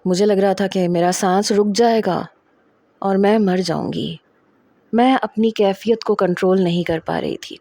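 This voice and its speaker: A woman's voice: medium pitch, vocal fry, dark tone, dry recording. A woman narrating a romantic first-person story, reading in a dramatic, emotional way and acting out the dialogue.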